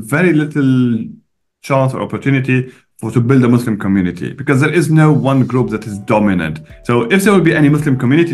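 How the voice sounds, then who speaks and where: A man in his thirties, a guest on a video call interview from a room at home, speaking bluntly and explaining at length with lively emphasis. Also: medium pitch. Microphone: webcam on video call.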